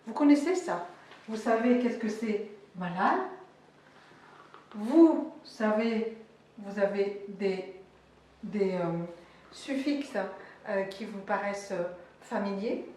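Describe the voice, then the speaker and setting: A woman teaching a language lesson, explaining words slowly with many hesitations and fillers. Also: mid-range voice, expressive, darkish tone. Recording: echoey room, voice far from mic, faint noise.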